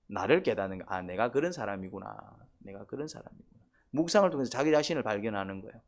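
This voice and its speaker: A male pastor delivers a conversational sermon at medium pitch, posing questions and answering them himself and occasionally performing the voices he quotes.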